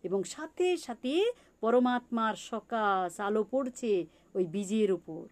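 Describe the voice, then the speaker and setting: Woman teacher, slow and animated, repeats herself and asks questions. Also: mid-range voice. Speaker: spiritual teacher. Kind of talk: teaching talk on meditation in farming.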